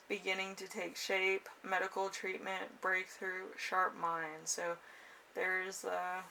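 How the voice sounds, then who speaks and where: A woman gives an informal tarot horoscope reading in a lowish voice full of vocal fry. She thinks aloud and rambles, hesitating between cards. The microphone sits at a distance, with some faint noise in the room. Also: sharp tone. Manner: rambling and hesitant, trailing off with frequent chuckles. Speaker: tarot card reader and channel host.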